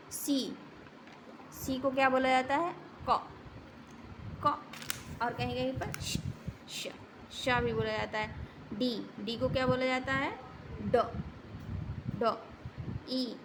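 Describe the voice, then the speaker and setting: Slow, high-voiced woman teaching phonics. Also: fairly bright tone, slight background noise, poor audio. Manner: slow, repeats each sound and asks questions. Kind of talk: phonics lesson for children.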